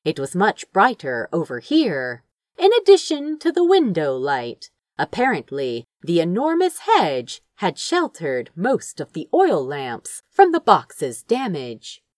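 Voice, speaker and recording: A woman reads fan fiction as an audiobook, narrating in an expressive, theatrical, scripted style with deliberate, unhurried phrasing and pitch that swings widely between phrases. The recording is dry, with very little room and no echo.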